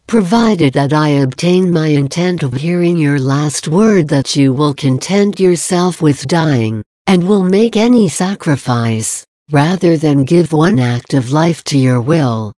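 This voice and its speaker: A woman reading the part of a tender heavenly mother, the queen of heaven, in a slow, solemn devotional reading. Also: sits low, dark tone, no room sound, studio quality.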